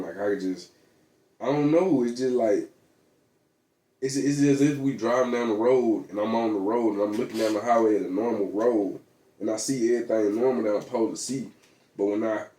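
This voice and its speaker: Low, dark-voiced man rambling in an echoey room. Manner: rambling, slangy, many fillers and restarts. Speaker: vlogger. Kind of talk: casual monologue.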